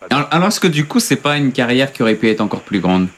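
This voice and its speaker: A man co-hosting a radio show, asking leading, probing questions in a relaxed, hesitant way. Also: mid-range voice, fast talker, noisy background. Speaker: radio co-host, interviewer. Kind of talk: casual radio interview.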